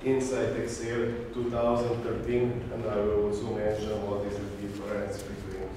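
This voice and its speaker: Speaking with a Slovenian accent, a man gives a technical conference talk in a large, echoey hall, standing away from the mic amid audible noise. His voice is on the low side and entirely flat at a normal speed, and he runs through items one by one with a self-deprecating touch.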